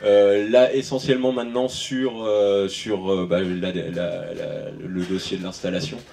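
Speaking into a handheld microphone inside a large tent at an outdoor event, a thirties-aged farmer from Maine-et-Loire, France, answers panel questions hesitantly, full of fillers and restarts. His lowish voice is flat, unhurried, creaky and warm, with a little hiss or hum.

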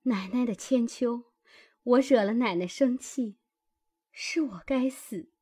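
A man's voice: very high voice, slow, dark tone, slightly rough, pitched above the performer's own voice, exaggerated voice. A man voicing a meek young maidservant pleading humbly with her mistress. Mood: humble. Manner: tearful, pleading.

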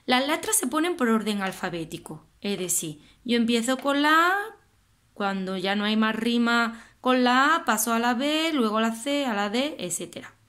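A woman with a Spain Spanish accent, patiently explaining poetic meter and rhyme to her students, slowly sounding out syllables. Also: fairly high pitch, lively intonation, a bit bright. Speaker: teacher. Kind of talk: classroom explanation of poetry meter.

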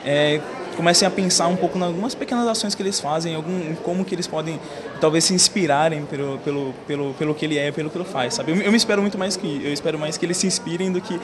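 A man's voice: a little high, quick pace, a crowd in the background. A young man interviewed on the spot with a handheld microphone, hesitating and restarting his words often. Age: young adult. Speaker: student interviewee. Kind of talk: casual street interview. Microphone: handheld interview mic.

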